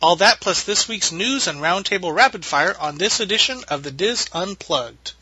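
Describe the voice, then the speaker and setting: A man's voice: sits high, animated, normal speed, sharp tone, breathy edge, dry recording, dull audio. A man hosting a roundtable podcast in a casual, chatty style. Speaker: podcast host.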